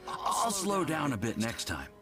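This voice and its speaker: A man's voice: fairly high pitch, wildly swooping pitch, a little slow. A man voicing an eager, deferential young male research assistant in a video game cutscene. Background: game music.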